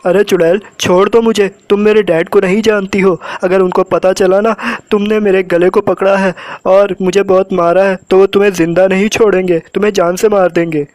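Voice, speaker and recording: A man's voice: sits high, flat delivery, normal speed, a little mellow, dry recording, natural voice. A man voicing a frightened schoolboy bully in a cartoon, who pleads and boasts by turns. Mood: pleading defiant.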